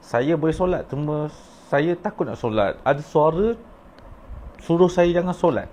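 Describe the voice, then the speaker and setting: A man's voice: fairly high pitch, animated, moderate pace, darkish tone, a little hiss or hum, voice pushed up, natural voice. A man voicing a young male rehab client who is fearful, tearful and pleading. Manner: pleading, apologetic.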